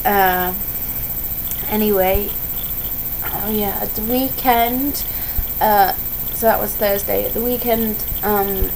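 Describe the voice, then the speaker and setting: A young woman who is ill, her voice starting to go, chats in a rambling, casual vlog style, often drifting into tangents and interrupting herself. Her mid-range voice is steady, slow, and darkish, with vocal fry, in a noisy home recording.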